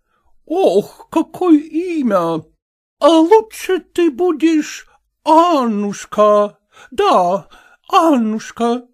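A fussy foreign mistress exclaims in broken, oddly inflected speech, as a male reader puts her on. Her voice sits higher and swoops lively through each phrase. A storybook lady, bossy yet coaxing. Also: extremely slow, heavily acted. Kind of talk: audiobook character voice.

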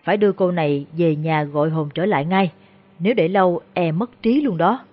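A shrewd older exorcist master, voiced by a female narrator questions calmly in a voice. He keeps his tone even and probing. The sound is dull and lo-fi. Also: fairly low pitch, brisk, close to an everyday voice. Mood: shrewd questioning. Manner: probing, feigning innocent questions. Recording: dull lo-fi recording.

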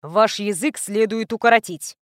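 A woman reading the lines of a cold, stern male bodyguard in a clipped, flat manner. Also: mid-range voice, normal speed, no room sound, clean studio sound, lightly acted.

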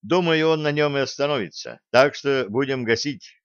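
A brash, bold space captain , as a male reader voices him, pushing his lines with lively, decisive energy. The voice sits a touch above the reader's own, dry and a little muffled. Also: mid-range voice, normal speed, clear, resonant tone, no echo, voice pushed up, close to an everyday voice. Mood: wry. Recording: dull lo-fi dry recording.

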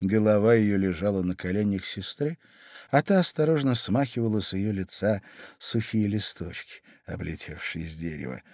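A man narrating a storybook in a scripted reading, expressive and measured. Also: fairly low pitch, dry recording, clean studio sound.

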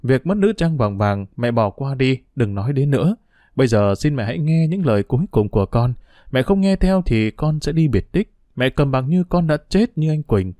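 A man's voice: medium pitch, animated, normal speed, no echo, studio quality, natural voice. A man voicing a weary young woman who pleads earnestly but firmly with her mother, in a storybook reading. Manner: earnest, pleading, quietly firm. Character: young woman, weary, firm, resigned daughter.

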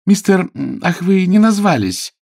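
A man reading an audiobook voices a kindly, chatty high-society lady in a high, fluttery, exclamatory voice. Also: big pitch swings, unhurried, darkish tone, dry recording, studio quality, exaggerated voice. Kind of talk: audiobook character voice.

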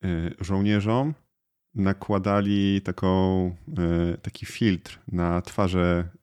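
A man with a low voice explains things in a relaxed podcast chat and now and then asks his co-host a question. His tone stays conversational and easy. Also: slow pace, clear, resonant tone. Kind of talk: casual chat.

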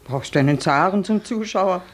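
A soft-spoken young lover, soothing and gentle, 1950s radio play. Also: male voice, sits high, expressive, moderate pace.

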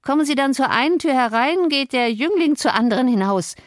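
A woman's voice: high-pitched, animated, fairly quick, dry recording, studio quality, voice pushed up. A woman reading the part of a spiteful, sanctimonious old male servant in a storybook. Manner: scolding, sanctimonious.

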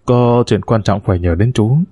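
A man voicing a smooth-talking scheming husband, a con man who speaks in a glib, persuasive way, in a spoken story. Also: fairly low pitch, moderate pace, dark tone, no echo, studio quality. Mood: wheedling.

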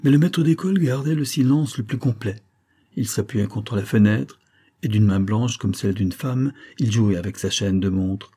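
A man narrating a novel as an audiobook in a measured, steady reading. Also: lowish voice, slightly rough. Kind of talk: scripted narration.

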